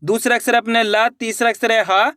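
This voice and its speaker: A man teaching reading in an online lesson, sounding out each word slowly syllable by syllable and repeating it twice for learners. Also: extremely high pitch, steady tone, bright, forceful tone, no room sound, clean studio sound.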